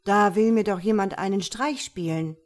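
A woman voicing a humble, unlucky young man, speaking loudly and emotionally in a storybook reading. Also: medium pitch, unhurried, close to an everyday voice. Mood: exasperated.

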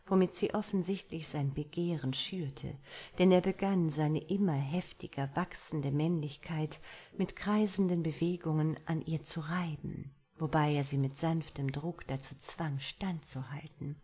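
A woman narrating a romance novel as an audiobook, her voice low and slightly husky. She reads softly and intimately, at times dropping almost to a whisper. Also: measured pace.

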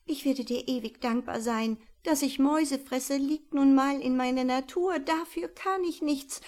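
A woman's voice: high-pitched, a little slow, pitched above the performer's own voice. A woman reading a children's story aloud and voicing a female barn owl who begs for help and later offers it kindly. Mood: earnest. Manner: pleading, tearful, later gentle and solemn. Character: desperate, then grateful female barn owl.

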